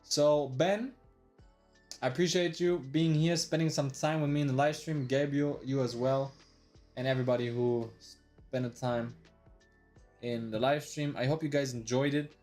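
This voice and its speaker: With faint music in the background, a man in his early twenties live-streams about day trading in a steady, darkish mid-range voice at normal speed. His casual talk wanders, heavy on slang, swearing, and "bro," with restarts and his old thoughts recounted aloud.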